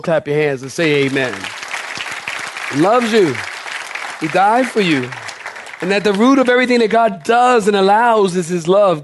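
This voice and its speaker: A male pastor with a fairly high voice preaches live to his congregation. He tells his story with energy, laughs at it, and acts out the voices of the people in it. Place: church sanctuary, recorded live.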